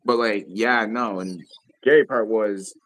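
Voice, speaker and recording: A man with a low-pitched voice chats loosely on a live stream. His talk is rambling and profane, full of filler phrases. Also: unhurried. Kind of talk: casual chat on a live stream.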